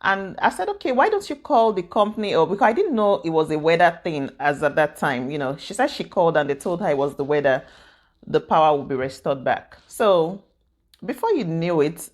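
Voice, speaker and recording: A woman vlogging casually to the camera from home in the morning, chatty and rambling, laughing often and restarting her sentences. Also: deep voice. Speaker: YouTube vlogger. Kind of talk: casual direct-to-camera vlog chat.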